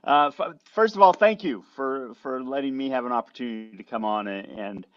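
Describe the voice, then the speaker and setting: A man speaking over a phone line in a live panel discussion, loudly and close into the phone, explaining a process step by step as a military medical official. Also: mid-range voice, fairly quick, very noisy. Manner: explanatory, gives a brief history lesson.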